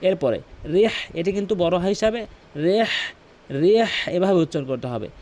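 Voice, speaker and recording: A man with a high voice gives a recitation lesson. He explains each sound plainly, then chants the phrases slowly and stretches them out at a higher pitch. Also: sing-song, dark tone, a little hiss or hum. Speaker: Quran recitation teacher. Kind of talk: tutorial on Arabic pronunciation.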